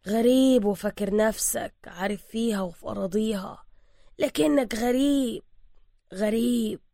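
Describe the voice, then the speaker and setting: A rambling old Egyptian man mutters the same words over and over, low and slow, as a woman puts him on. He has an Egyptian accent, and the recording is dry. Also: creaky, mellow, no room sound. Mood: muttering. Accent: Egyptian Arabic.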